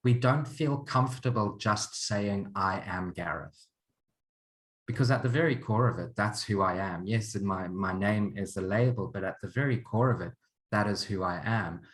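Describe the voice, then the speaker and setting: A man in his forties from Zimbabwe, introducing an online course over a video call in an earnest, open way. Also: lowish voice. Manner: earnest, open, chuckles often. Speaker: counselor and program leader.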